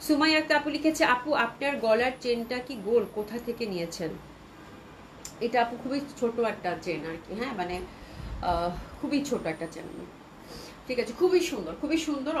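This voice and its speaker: A woman from Bangladesh runs a live clothing sale, talking quickly in a fairly high voice and reading out viewer comments as she goes. A cold has left her throat a little sore. A faint noise sits under the recording. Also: poor audio. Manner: chatty, reads out viewer comments. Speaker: online clothing seller. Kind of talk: live sales stream.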